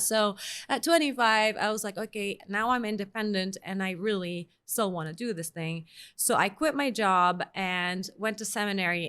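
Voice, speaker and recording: A woman from Lebanon, a minister telling her story as a guest in a casual interview, lively and self-mocking. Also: medium pitch, clean tone.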